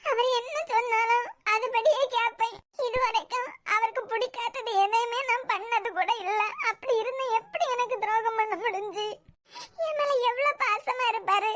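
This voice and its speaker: A woman's voice: very high voice, steady tone, moderate pace, noisy background. A woman voicing a heartbroken young woman in a cartoon series, crying and pleading, with a Kanyakumari Tamil accent. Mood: tearful. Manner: tearful, pleading.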